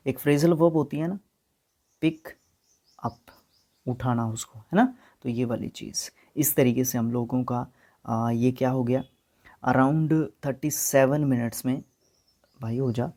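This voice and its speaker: Mellow Haryanvi man teaching vocabulary. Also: mid-range voice. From Haryana, India. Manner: reads words slowly and spells them out, mixing Hindi and English. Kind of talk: recorded exam-prep lesson.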